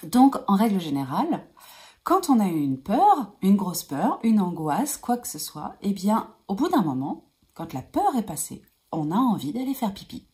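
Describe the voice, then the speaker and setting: A woman energy healer talking to her viewers in a gentle, soothing way, repeating calming phrases like a mantra, with frequent hesitations and at times a soft whisper. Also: mid-range voice, moderate pace. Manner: hesitant, many fillers and restarts. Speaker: energy healer giving advice. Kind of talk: advice vlog talking to viewers.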